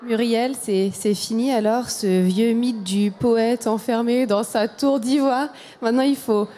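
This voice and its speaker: A woman's voice: fairly high pitch, steady tone, a little slow, warm tone, slight background noise. A woman moderating a panel, asking short questions.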